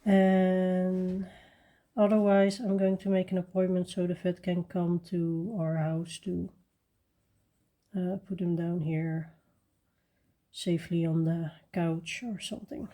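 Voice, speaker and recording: Soft, slow-talking woman coloring and chatting. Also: lowish voice, flat delivery. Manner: soft-spoken, rambling with fillers and restarts. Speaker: coloring channel host. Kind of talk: casual chat while coloring.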